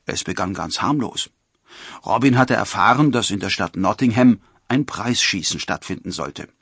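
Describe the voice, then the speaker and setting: Husky-voiced man reading a storybook. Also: fairly low pitch, lively intonation, moderate pace, a bit bright, no echo, studio quality. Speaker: narrator. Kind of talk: storybook narration.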